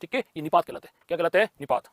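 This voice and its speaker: A man's voice: a little high, very fast, no room sound. A man teaching a grammar lesson for exam prep. He asks questions and answers them himself, and he repeats key terms.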